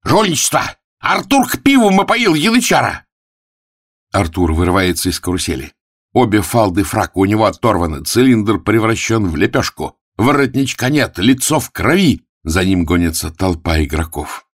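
Man quietly reading stage directions. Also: low voice, lively intonation, normal speed, dry recording, studio quality. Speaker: reader. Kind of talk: scripted reading of a play.

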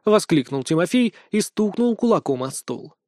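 A man narrating an audiobook in a steady, dramatic storytelling manner. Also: high voice, moderate pace, no echo, studio quality. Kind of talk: scripted narration.

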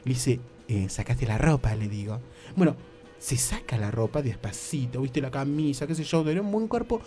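A man's voice: medium pitch, animated, moderate pace, dark tone, faint music behind. A man with an Argentine accent telling a comic story on the radio, jumping into exaggerated voices and constantly asking "¿viste?". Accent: Rioplatense Argentine Spanish. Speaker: radio comedy host.

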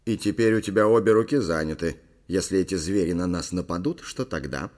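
A man's voice: low voice, very animated, normal speed, darkish tone, voice pushed down. A man voicing a cold, critical inner voice that comments dryly and sardonically. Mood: sardonic. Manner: dry, sardonic.

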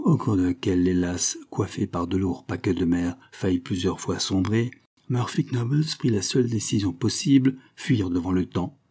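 A man narrating an adventure novel in a steady, even storytelling way. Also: fairly low pitch. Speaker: audiobook narrator.

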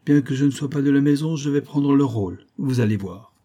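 A man's voice: mid-range voice, a little fast, dark tone, pitched above the performer's own voice, natural voice. Man playing a commanding aristocratic duke. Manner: cool, accusing, authoritative.

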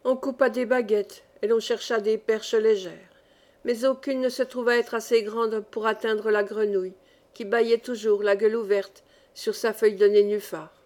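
Audiobook narrator, woman, animated storybook delivery, a bit high. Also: normal speed. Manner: lively storytelling, varied pace. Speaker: audiobook reader. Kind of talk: scripted narration.

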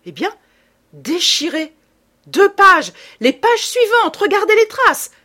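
An excitable young male sleuth, as a woman reader puts him on, urgent and pressing, his pitch leaping high when he is upset. The voice is slightly breathy, with a wide, lively melody. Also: normal speed. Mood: furious.

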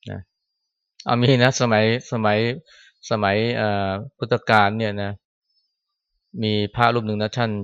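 A man's voice: on the low side, smooth. Male monk preaching informally in a temple hall; dry, muffled recording. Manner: conversational, ends phrases with a soft particle, acts out scolding quotes. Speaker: Buddhist monk giving a Dhamma talk. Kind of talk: sermon. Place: temple hall after chanting.

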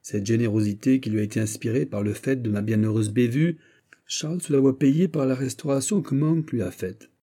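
A man voicing a proud, witty Gascon musketeer, animated and wry, in an audiobook reading. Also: medium pitch, a little fast, lightly acted. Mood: wry, bitter.

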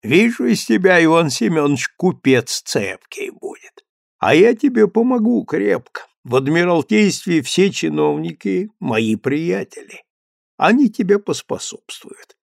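A man's voice: a little high, sing-song, measured pace, vocal fry, no echo, clean studio sound, voice pushed up, full character voice. A man voicing a shrewd, greedy old male official who bargains hard, in an audiobook. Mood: sly. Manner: wily, bargaining. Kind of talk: audiobook character reading.

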